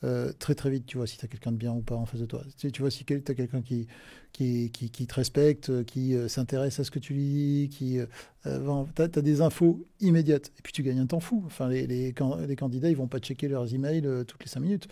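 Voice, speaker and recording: A middle-aged man talks as a guest on a podcast, casual and informal, stopping often with fillers and restarts. His voice is gravelly and mellow, and the recording is dry and close. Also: medium pitch, fairly even intonation, fairly quick, no room sound. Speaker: podcast guest, recruitment firm director.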